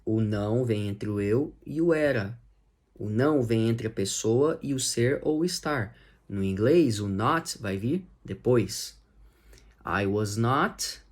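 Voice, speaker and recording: Brazilian man teaching English, unhurried and patient, mid-pitched, repeats every example. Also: a little mellow. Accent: Brazilian Portuguese. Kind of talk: explaining English grammar to Portuguese speakers.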